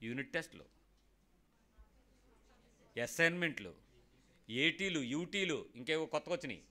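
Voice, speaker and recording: Bright-voiced animated male preacher. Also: fairly high pitch, normal speed. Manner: animated, rhetorical questions, calls for responses; mixes in English phrases. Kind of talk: sermon to a congregation.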